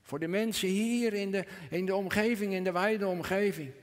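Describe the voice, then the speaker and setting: A middle-aged man preaches to his congregation, earnest and sometimes emphatic, sometimes hushed. His voice sits a bit high. Long reverb from the church hall trails behind his words. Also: normal speed. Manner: earnest, rising to emphatic peaks, dropping to a hush on quoted prayers. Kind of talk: sermon.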